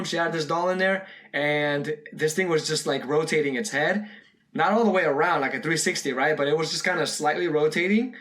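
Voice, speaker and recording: A man's voice: on the high side, fairly bright tone. A young man giving casual, rambling reaction commentary on a short horror film, full of fillers and restarts. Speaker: video reactor.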